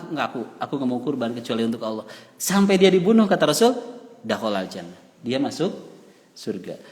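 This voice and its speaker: A man with a Sundanese accent giving a mosque lecture, telling a story and reciting Arabic lines that he then translates. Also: on the high side. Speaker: religious teacher. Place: mosque hall. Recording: reverberant mosque hall.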